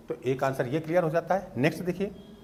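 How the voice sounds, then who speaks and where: A man teaching spoken English, explaining slowly and patiently and checking that students follow. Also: fairly high pitch, darkish tone, slight background noise. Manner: slow, patient explaining with checks like "theek hai?".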